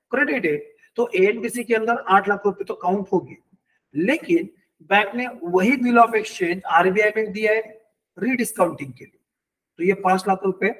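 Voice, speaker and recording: Husky high-voiced man teaching banking. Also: fairly bright tone, rough recording. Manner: explains step by step with worked examples, mixing English terms; checks in with the class often. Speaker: banking exam lecturer. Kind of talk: online lecture.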